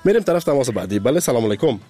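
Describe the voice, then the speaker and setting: A man's voice: mid-range voice, sing-song, warm tone, husky, faint music behind. A man hosting a live radio call-in show from a studio, effusive and heaping endearments on his callers.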